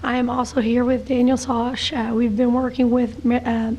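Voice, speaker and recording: A woman's voice: a little high, level tone, normal speed, a little mellow. A woman who is losing her voice, speaking hesitantly during public comment at a city meeting. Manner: hesitant, many fillers and restarts.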